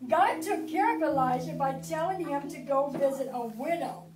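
A middle-aged woman with a high voice reads a Bible story to preschoolers in a church classroom at normal speed, prompting them to join in. The background is noisy, and a far camera mic captures her in an echoey room from a distance.

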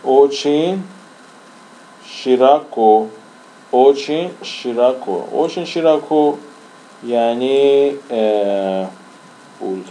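A man's voice: medium pitch, animated, pauses often, dark tone, rough recording. A man teaching a language lesson in casual Persian-language style, repeating and drawling example words as he writes.

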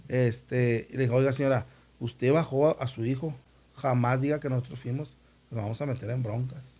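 Husky man telling a story. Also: medium pitch, fairly even intonation, fairly quick, mellow. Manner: vivid retelling, acts out quoted voices. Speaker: former newspaper reporter, podcast guest. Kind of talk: casual storytelling chat.

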